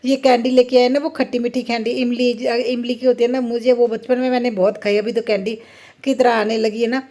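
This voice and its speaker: A middle-aged woman, speaking in a fairly high voice. She tells her story to viewers in a chatty, mock-indignant way and breaks into laughter easily. Her tone is that of a casual home vlog. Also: little pitch movement, fairly quick, warm tone. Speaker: family vlogger.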